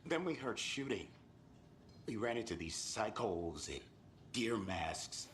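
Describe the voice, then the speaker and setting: Rattled guy witness in a game, slangy, slow lowish voice. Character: shaken, slangy male tourist witness. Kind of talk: video game voice acting. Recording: faint background ambience noise.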